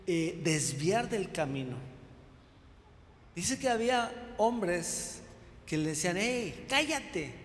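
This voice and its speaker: A man's voice: a little high, slight background noise. A Mexican man preaching a sermon as pastor, asking the congregation questions and calling out scripture lines. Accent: Mexican Spanish. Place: church hall. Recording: long reverb of a church hall.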